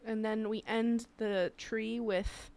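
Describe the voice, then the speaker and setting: A woman's voice: fairly high pitch, fairly even intonation, slow, gravelly, darkish tone. Chatty woman on a casual podcast. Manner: chatty, reading off a list, laughs easily.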